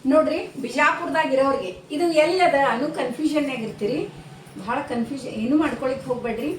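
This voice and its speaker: A woman's voice: high-pitched, quick pace. A woman vlogger with a North Karnataka Kannada accent, chatting casually with a shop owner, asking prices and speaking directly to her viewers. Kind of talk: casual vlog chat and shop visit. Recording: echoey room, mic at a distance, faint noise.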